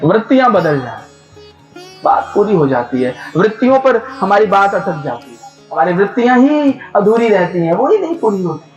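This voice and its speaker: A man preaching a devotional sermon, telling a sacred story and urging the audience with animated questions. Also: sits high, normal speed, muffled recording, faint music behind. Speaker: katha preacher.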